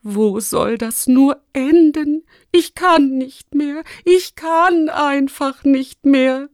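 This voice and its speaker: A fussy, germ-obsessed male school principal from a children's audiobook, put on by a woman reader. He talks high, loud and slowly stretched out, fretful and overbearing. The voice is dry and close, with no room around it. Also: animated, no room sound. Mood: despairing. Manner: strident, barking orders, then whimpering.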